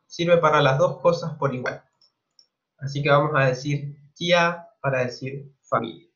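A man with a Chilean accent teaching a Mandarin lesson online, speaking slowly and patiently and repeating each new word twice. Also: a little high, a bit bright, dull audio.

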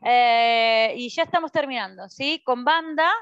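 A woman with an Argentine Spanish accent leads a Pilates class, giving encouraging cues and often checking in with the students. Her voice sits high. The recording is dry and a little muffled. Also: measured pace, fairly bright tone, clean tone, no echo. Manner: instructive, encouraging, cueing movements with frequent "¿sí?". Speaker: Pilates instructor. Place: Pilates studio.

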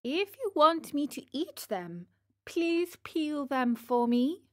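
A woman's voice: high voice, takes it slowly, voice pushed up, exaggerated voice. A woman voicing a naughty, hungry wooden puppet boy who whines and pleads. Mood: fussy. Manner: whiny, pleading, excitable.

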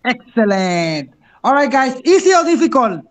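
Very high-voiced male teacher. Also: very animated, a little slow. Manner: encouraging, switches between English and Spanish. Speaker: English teacher. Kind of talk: online class instruction.

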